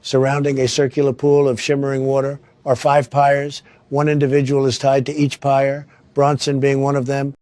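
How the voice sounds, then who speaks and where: A man narrates a tabletop game as dungeon master. His delivery is steady and flat. The sound is close and dry. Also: medium pitch, normal speed, few pauses, no echo.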